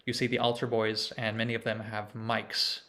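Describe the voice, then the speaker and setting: A man's voice: lowish voice, monotone, moderate pace, pushed and bright. A man presenting to a choir over a video call, explaining at length in a thoughtful way and often restarting his sentences. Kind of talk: online lecture with chant demonstration.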